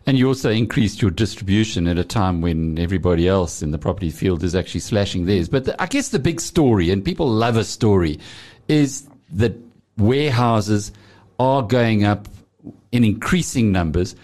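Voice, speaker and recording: A man's voice: fairly low pitch, expressive, normal speed, darkish tone. A man hosting a business show, asking long conversational leading questions. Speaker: radio show host. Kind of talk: business interview.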